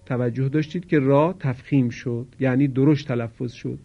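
A man teaching Quran recitation in a formal broadcast lesson. He explains each rule slowly, carefully and politely, and repeats it. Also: medium pitch, fairly even intonation, gravelly, dull audio.

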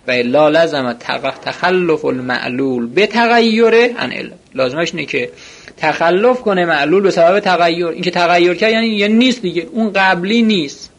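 A man's voice: fairly high pitch, creaky, a bit bright. A man teaching a seminary-style philosophy lesson, reading short Arabic phrases and then explaining them in everyday speech, asking and answering his own questions.

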